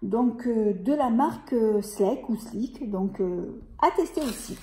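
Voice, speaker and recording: A woman's voice: a little high, lively intonation, slow, background noise. A woman vlogging a beauty unboxing in a casual, hesitant way, full of fillers and restarts. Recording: echoey room.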